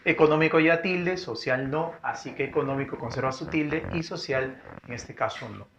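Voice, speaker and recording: Male teacher, patient explainer, slightly high pitch, dull lo-fi recording. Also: moderate pace. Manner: explanatory, repeats key words, asks rhetorical "¿no?". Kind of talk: recorded grammar lesson. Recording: dull lo-fi recording with faint noise.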